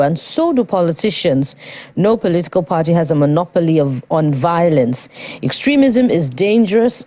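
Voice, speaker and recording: Nigerian woman, news co-host, very low voice, steady formal read. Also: dry recording. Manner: steady, formal newsreader delivery. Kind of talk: reading viewer comments and sign-off.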